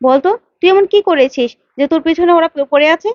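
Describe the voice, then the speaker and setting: A woman's voice: very high voice, fast talker, no echo, pitched above the performer's own voice. A woman voicing an older village mother who is secretive and scolding, on a dull lo-fi recording. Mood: anxious, shrill. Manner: defensive, scolding, shoos visitors away.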